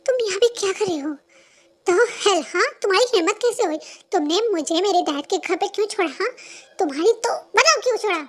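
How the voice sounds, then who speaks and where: A stubborn young woman in love, voiced by a reader putting her on, in a homemade spoken fan story. The voice sits very high and insistent. She begs, argues and refuses to back down. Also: brisk. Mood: angry. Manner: pleading then shouting.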